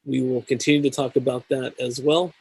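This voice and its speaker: A man's voice: mid-range voice, flat delivery, vocal fry, darkish tone, slightly rough, no echo, poor audio. A man hosting a tech talk show, reading news items and then interviewing a guest. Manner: measured, reads news items then chats. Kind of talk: scripted news segment and interview.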